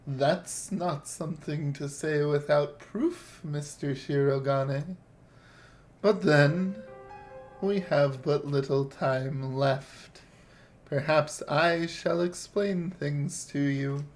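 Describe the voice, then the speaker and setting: A man voicing a sinister, condescending male bird doctor in a game, speaking with slow, silky, menacing politeness. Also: a little high, a little mellow. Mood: sly. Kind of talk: reading visual novel dialogue aloud. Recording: faint music behind.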